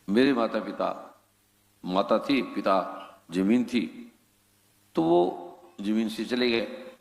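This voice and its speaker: A man's voice: lowish voice, vocal fry. A man recounting his spiritual life in a rambling, reflective way, often asking rhetorical questions. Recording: echoey hall with faint music.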